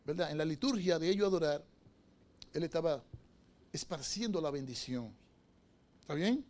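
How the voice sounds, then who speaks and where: A man, a pastor, preaching a sermon in a church sanctuary. He asks the congregation rhetorical questions and swings between hushed storytelling and loud, fervent preaching. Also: a little high, expressive, normal speed.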